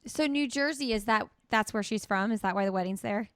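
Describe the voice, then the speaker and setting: A woman's voice: medium pitch, brisk, a bit bright, clear, resonant tone, no room sound, studio quality. A woman hosting a podcast, asking questions in a rambling, hesitant way. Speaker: podcast host. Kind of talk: interview questions.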